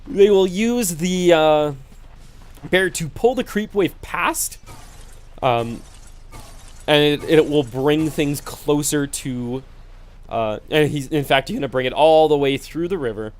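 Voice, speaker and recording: Brief: drowsy solo esports caster, man, easygoing explainer full of "uh"s, slightly high voice. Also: slow pace. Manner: laid-back, explanatory, many fillers. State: sleepy, yawning. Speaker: esports commentator. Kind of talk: solo play-by-play game commentary.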